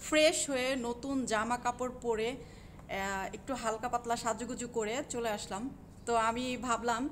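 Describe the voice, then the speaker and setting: A woman's voice: a little high, a little hiss or hum. Chatty Bangladeshi woman vlogger. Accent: Bangladeshi Bengali. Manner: chatty, greeting viewers warmly. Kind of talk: casual talk to camera.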